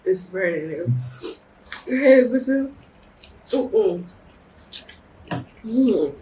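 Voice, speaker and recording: Person mid spicy food challenge, mouth on fire, pitch all over, bit far from mic in echoey room. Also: expressive, drawn-out words, darkish tone. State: mouth burning from spicy food, sighing and groaning. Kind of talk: casual chat during a food challenge. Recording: roomy, distant mic, faint background noise.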